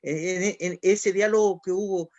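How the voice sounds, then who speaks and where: A man chats in a reflective, measured way, recalling and paraphrasing what was said. His voice is notably high for a man. The recording is muffled and lo-fi. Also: steady tone, a little mellow, dry recording. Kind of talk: casual chat. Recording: dull lo-fi recording.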